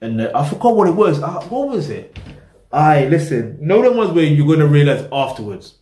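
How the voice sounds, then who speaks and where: A man's voice: on the high side, very animated, a little fast, warm tone. A young man, hosting a reaction video, talking casually to the camera in a small room, rambling and losing his train of thought. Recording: roomy echo.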